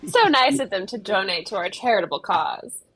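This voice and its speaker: A woman's voice: mid-range voice, animated, moderate pace, fairly bright tone, breathy edge. A woman voicing a wry, unbothered female adventurer with scales, speaking in a dry, teasing, mock-polite way in a tabletop game.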